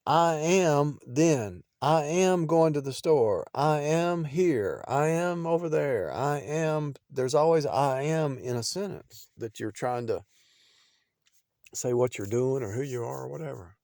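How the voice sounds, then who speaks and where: A middle-aged man talking in an unscripted, rambling preaching monologue, repeating phrases and restarting sentences, often dropping in loudness. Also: a little high, expressive, slow pace, no echo, clean studio sound.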